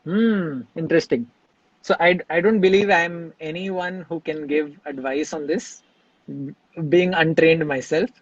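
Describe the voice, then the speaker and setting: A man, a singer speaking as an interview guest in a relaxed conversation, reflective and halting, often restarting his sentences. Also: a little high, no echo, muffled recording.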